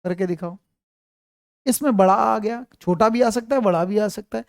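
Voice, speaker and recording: Guy teaching grammar online, keeps asking students stuff, warm voice, dry mic. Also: high-pitched, moderate pace, creaky, no echo. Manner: quizzes students, repeats questions. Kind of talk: online Hindi grammar class.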